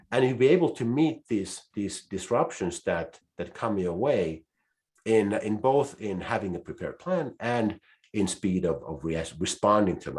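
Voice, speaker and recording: A man from Finland with a Finnish accent, giving a business presentation with frequent restarts and fillers. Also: on the low side. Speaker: conference speaker.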